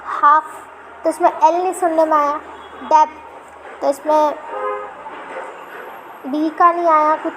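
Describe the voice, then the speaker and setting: A woman teacher explaining English spelling to children, patiently repeating words slowly. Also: high voice, level tone, a bit bright, slight background noise, low-quality recording.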